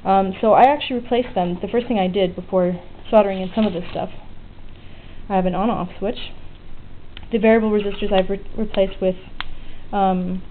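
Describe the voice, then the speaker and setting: In muffled, phone-quality audio with a little background noise, a woman with a mid-range voice presents a DIY electronics tutorial. She moves at a moderate pace with fairly even intonation, explaining frankly and informally during an unscripted hands-on demo.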